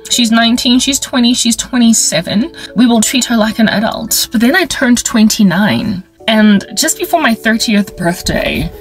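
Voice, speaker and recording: A South African woman in her forties talking to camera in a casual, wry monologue. She is animated and playful, and she mixes in sound effects and phrases from local languages. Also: fairly high pitch, normal speed, few pauses, soft background music. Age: 40s. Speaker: vlogger and ministry creator.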